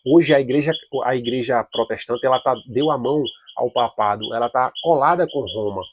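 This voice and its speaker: A man's voice: medium pitch, fairly quick. A man giving an informal Bible study lesson, talking casually, restarting often and getting more emphatic as he argues his points. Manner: casual, repetitive, grows emphatic when arguing; frequent hesitations and restarts.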